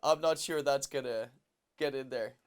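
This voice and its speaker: A man doing stand-up comedy, telling an animated, self-mocking story. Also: medium pitch, normal speed.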